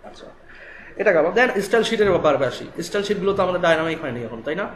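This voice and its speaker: Man instructor, Bangladeshi Bengali accent, brisk live coding lesson, slightly high voice, echoey room. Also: lively intonation, slight background noise. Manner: rapid, explanatory, asks students checking questions. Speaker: web development instructor. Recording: echoey room with faint ambience.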